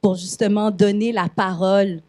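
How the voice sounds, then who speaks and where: A woman hosting a festival event, introducing and interviewing an artist with enthusiastic, warm questions. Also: medium pitch, fairly even intonation, normal speed. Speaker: festival host.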